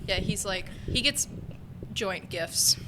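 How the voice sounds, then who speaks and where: A woman's voice: mid-range voice, slow pace, noisy background. A woman in her early twenties, a podcast guest chatting in an easygoing, agreeable way. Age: 20s. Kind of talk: casual chat.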